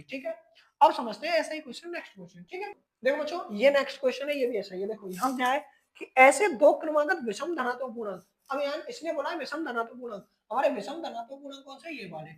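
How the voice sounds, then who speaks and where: A math teacher gives a step-by-step exam lesson, addressing the students as children, restating each step, and checking in often with "ठीक है". The voice is high-pitched and a bit bright, on a rough recording.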